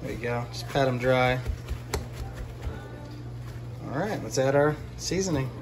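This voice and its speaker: With music in the background, a man in his forties narrates cooking fish at home for his fishing vlog, filmed on a handheld phone. His medium-pitched voice is unhurried and his tone relaxed and talkative.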